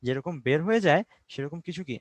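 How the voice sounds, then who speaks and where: A man's voice: on the high side, animated, fast talker, dry recording. A young man from Bangladesh teaching an online biology class, explaining step by step, asking and answering his own questions and mixing in English words. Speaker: biology tutor.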